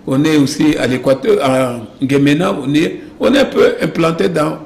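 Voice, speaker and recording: Appearing in a political interview, this Congolese man presses his point hard, with a Congolese French accent, repeated phrases and rhetorical questions. He speaks at a moderate pace in a highish, darkish voice with lively intonation, against a roomy echo and clear background noise.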